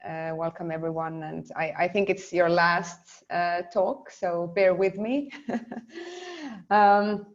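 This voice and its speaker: A woman's voice: on the low side, fairly even intonation. A woman in her twenties with an Estonian accent, presenting informally and hesitantly over a video call. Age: 20s. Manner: hesitant, halting phrasing. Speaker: guest speaker. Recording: muffled, lo-fi video call audio.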